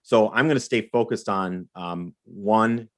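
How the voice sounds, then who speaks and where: A man with a fairly low voice co-hosts a live Q&A and walks viewers through the rules. He explains things methodically and often stumbles over a repeated word before getting his point out. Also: measured pace, fairly bright tone. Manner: explanatory, repeats words when restarting. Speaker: co-host.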